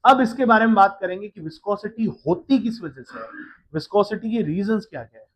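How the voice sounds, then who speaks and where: A man teaching a physics lecture, working slowly through the steps and often checking that his students follow. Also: high-pitched, expressive, slight background noise, low-quality recording. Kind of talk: classroom lecture.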